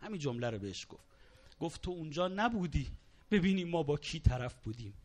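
A man delivers a sermon as a dramatic story. His pitch swings widely, climbing into raised cries and dropping low again. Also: very animated, darkish tone. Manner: dramatic storytelling, rising to cries and quoted Arabic. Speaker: preacher. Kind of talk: sermon narrating a martyrdom account.

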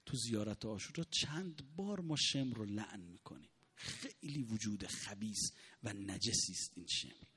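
A man's voice: on the low side, animated, pushed and bright, slightly rough. A man preaching a mourning sermon, emotive in his storytelling, his voice rising in the moving moments.

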